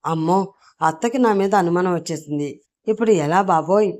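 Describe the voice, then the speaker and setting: A woman's voice: fairly low pitch, normal speed, a little mellow, natural voice. A woman doing a blunt, brash young rowdy.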